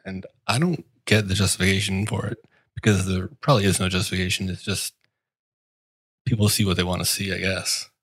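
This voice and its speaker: A man with a husky, low voice riffs sarcastically on a sports podcast. His sound is dry and close, and his tone stays wry and grumbling. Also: steady tone, fairly quick, a bit bright, dry recording. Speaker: podcast co-host. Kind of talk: casual sports podcast chat.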